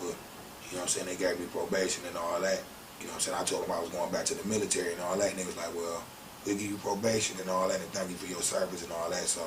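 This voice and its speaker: A man's voice: deep voice, distant mic, slight background noise, rough recording. A man being interviewed, telling a long personal story in casual, slangy street talk with many fillers.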